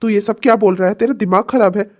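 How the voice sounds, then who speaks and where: A woman's voice: mid-range voice, steady tone, quick pace, a little mellow, natural voice. A woman voicing a frustrated husband in a cartoon comedy, scolding his wife and then begging her to come home. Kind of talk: Hindi cartoon comedy voice acting.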